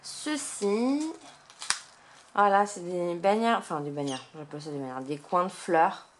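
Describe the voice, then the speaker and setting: A woman's voice: mid-range voice, slight background noise. Chatty woman showing a craft haul. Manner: chatty, hesitant, frequent filler sounds. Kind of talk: casual haul chat to camera.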